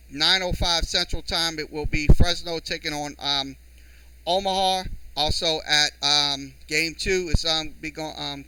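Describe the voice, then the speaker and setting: A man hosting a live sports podcast from New Orleans, reading baseball scores in a halting way with many ums and uhs. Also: fairly high pitch, bright, forceful tone, clean tone, dry recording, low-quality recording. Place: home studio with mixer. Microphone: studio mic through a mixer.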